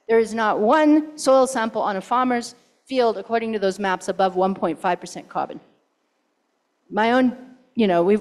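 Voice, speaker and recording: A woman giving a conference keynote and answering questions, emphatic and urgent, often posing rhetorical questions. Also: on the high side. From Pacific Northwest, US. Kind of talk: conference talk and Q&A.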